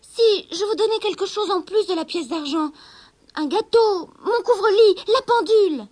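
A woman voicing a young servant girl in a storybook, high-pitched and pleading. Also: normal speed, a little mellow.

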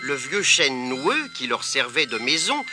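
A man narrating a children's storybook, expressive and lilting. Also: medium pitch, measured pace, music in the background.

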